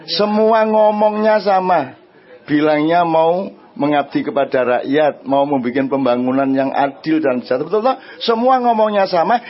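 A man with an East Javanese accent speaking to an audience. He answers their questions in a lively, conversational way and often asks them "right?". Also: a little high, husky, muffled recording. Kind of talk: religious and social talk before an audience.

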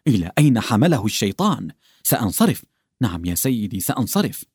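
A man voicing an anxious young peasant wife who talks in hurried, fretful pleas. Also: fairly low pitch, very animated, darkish tone, slightly rough, dry recording, clean studio sound, exaggerated voice.

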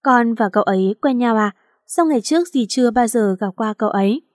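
A woman's voice: fairly high pitch, brisk, darkish tone, dry recording, clean studio sound, close to an everyday voice. A woman voicing a motherly older female housemaid who fusses with emotional questions, in a storybook reading. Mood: puzzled.

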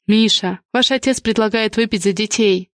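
A woman voicing a poised young woman who talks softly and persuasively at a party, in an audiobook. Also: medium pitch, moderate pace, no room sound, clean studio sound, natural voice. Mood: gentle. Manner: soft, smooth and persuasive. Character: poised, gentle young woman, charming guest.

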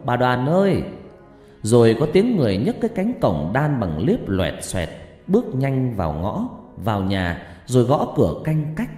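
A man narrating a ghost story in an expressive, dramatic way, recorded in an echoey room. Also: mid-range voice, moderate pace, soft background music. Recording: echoey room with long reverb.

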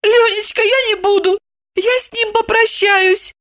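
A woman voicing a tearful, shrill middle-aged wife in a storybook reading, squealing and wailing as she pleads for a stray dog. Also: measured pace, fairly bright tone. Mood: pleading. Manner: wailing and sobbing, high-pitched squeals.

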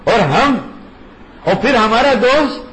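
A man's voice: very high-pitched, expressive, a bit bright, a little hiss or hum, rough recording. Older man giving an emphatic religious talk. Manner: repetitive, emphatic, conversational teaching. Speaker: religious speaker.

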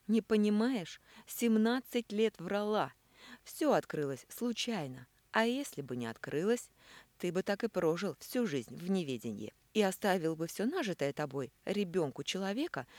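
Storybook part: a scheming woman, all sugar and venom, read by a woman, lively lilt. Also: mid-range voice, no room sound, voice pushed up, natural voice. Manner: sugary, taunting, cold.

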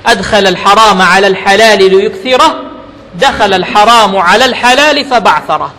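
Recorded in an echoing mosque hall with faint noise, a preacher gives an emphatic Friday sermon. He speaks briskly in a high voice with a sharp tone, mixing formal oratory and colloquial asides.

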